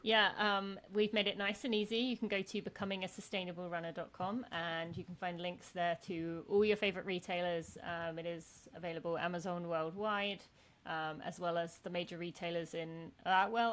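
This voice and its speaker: A woman speaks with a British accent in a casual, conversational way. Her pitch is a bit lower than usual, as she answers as a guest on a podcast. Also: fairly even intonation, a little fast, fairly bright tone. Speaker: podcast guest, author and podcast host.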